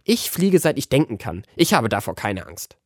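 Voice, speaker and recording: A man's voice: mid-range voice, big pitch swings, moderate pace, dry recording, studio quality. A man voicing a bossy, know-it-all girl in a storybook, teasing and strict by turns, with a raised voice. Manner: teasing, then stern and bossy.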